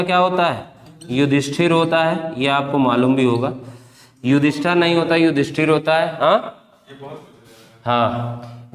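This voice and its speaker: A man's voice: fairly high pitch, a bit bright. Echoey male teacher quizzing his class. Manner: repeats words and quizzes students with questions; addresses students fondly as beta and bhaiya. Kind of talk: exam-prep class lecture. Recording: echoey classroom with long reverb.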